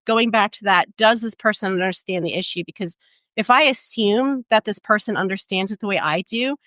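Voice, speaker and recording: A woman in her forties, a travel advisor raised in Portugal, telling her career story in a relaxed interview with many "um"s and tag questions. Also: mid-range voice, no echo. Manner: reflective, storytelling, frequent "um" and "right?". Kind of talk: conversational interview.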